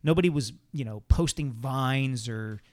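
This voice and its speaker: Brisk man explaining his points. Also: medium pitch, a little mellow. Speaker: sports columnist guest. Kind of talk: casual chat.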